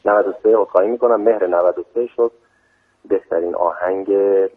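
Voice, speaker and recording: Kermanshahi-accented male guest, low husky voice, halting with fillers, tinny phone line. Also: steady tone. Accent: Kermanshahi Persian. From Kermanshah, Iran. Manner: hesitant, many fillers. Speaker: guest singer and music teacher. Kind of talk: radio interview answers.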